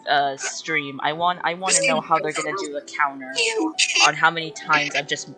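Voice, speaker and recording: A woman's voice: sits low, normal speed. A woman streaming a video game, chatting casually and playfully with a friend. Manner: chatty, giggly, lively. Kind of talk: casual live-stream chat. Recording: voice over loud game music.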